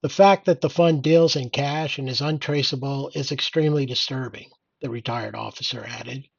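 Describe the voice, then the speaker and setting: A man's voice: medium pitch, moderate pace, creaky, slightly rough, dry recording, dull audio. An older man reading out and commenting on news in an indignant, sardonic old-man rant. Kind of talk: opinionated read-aloud news commentary.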